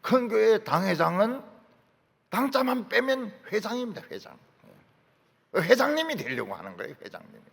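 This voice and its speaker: A man's voice: high voice, very animated, moderate pace, gravelly, fairly bright tone, breathy edge, big-room sound. A man preaching a sermon in a large church sanctuary, emphatic, often dropping in short affirmations and rhetorical questions. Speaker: pastor.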